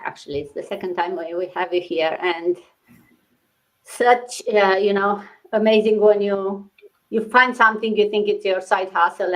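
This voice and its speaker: A woman's voice: mid-range voice, low-quality recording. A woman hosting a live online interview, welcoming her guests in a loose way with fillers. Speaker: host.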